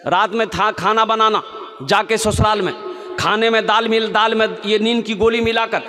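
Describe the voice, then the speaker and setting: A man voicing stern, protective older brothers in a spoken story, in a lively storytelling way. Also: high-pitched, moderate pace. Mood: reassuring. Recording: echoey hall reverb.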